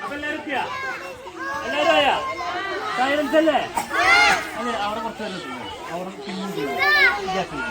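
This farm guide has a very high, animated voice at a normal pace, with frequent pauses. Outdoors with a noisy crowd of schoolchildren chattering, he quizzes them in a playful class and has to speak up to be heard.

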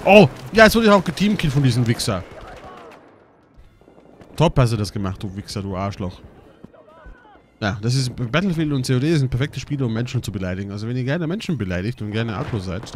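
A young German man doing live gameplay commentary, excitable and swearing a lot, with bursts of shouting while mostly keeping his voice down. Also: medium pitch, a little hiss or hum. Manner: holds his voice down at night. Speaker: let's play gamer.

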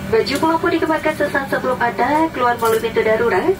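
A woman's voice: sits high, quick pace. A woman with an Indonesian accent speaking as a flight attendant, reciting a scripted cabin safety announcement in a formal manner. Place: inside an airliner cabin. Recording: distant cabin PA, loud aircraft engine noise. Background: loud aircraft cabin noise.

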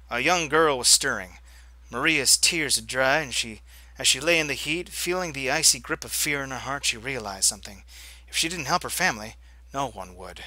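A gameplay host reading a story game aloud, reacting loudly and swearing at his choices. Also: mid-range voice, dry recording.

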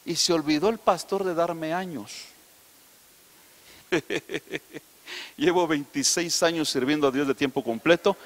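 A middle-aged man with a Mexican accent delivers a sermon in a somewhat raised voice. He alternates between forceful, emphatic proclamations and hushed, confiding passages. His voice carries a long reverb, as if recorded in a large church hall. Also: fairly high pitch, a little slow, long pauses. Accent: Mexican Spanish. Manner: swings from loud emphatic preaching to soft confiding tones. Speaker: apostle preaching.

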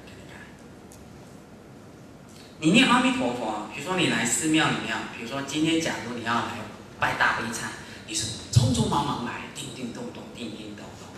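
Lively monk lecturing in an echoey hall. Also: male voice, a little high. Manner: lively and demonstrative, acting out examples. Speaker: Buddhist monastic teacher. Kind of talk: Dharma lecture to a live audience. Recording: very echoey hall, distant, faint noise.

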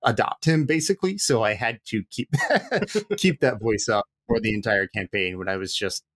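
A man chatting casually as a panel guest, relaxed and quick to laugh. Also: lowish voice. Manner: relaxed, laughs often, many fillers. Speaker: panel guest, game master.

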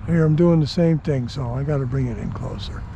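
An older man giving offhand, halting commentary outdoors while flying a model plane on a windy day. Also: mid-range voice, highs cut off. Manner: offhand, halting, self-deprecating. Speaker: RC hobby pilot.

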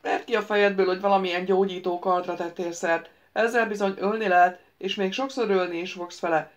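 A woman's voice: mid-range voice, fairly even intonation, natural voice. A woman voicing a petulant, scheming male ghost wizard who keeps pleading and bargaining, on a dull lo-fi audiobook recording.

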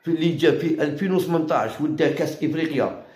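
A man's voice: fast talker, darkish tone. Fiery Algerian man ranting in a roomy echo. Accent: Algerian Arabic. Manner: fiery, mocking, repeats himself, pitch jumps high when worked up. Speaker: host of a football channel. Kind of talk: heated opinion rant.

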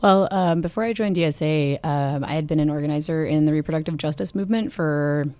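A woman's voice: low-pitched, brisk, darkish tone, no echo. A woman speaking as an invited guest on a radio interview, earnest and conversational. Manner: earnest, conversational, laughs easily. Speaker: guest, newly elected organization leader.

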